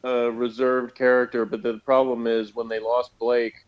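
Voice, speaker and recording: The host of a relaxed review show, this medium-pitched man reads from notes at normal speed and tacks on his own chuckling remarks. The sound is somewhat dull and lo-fi.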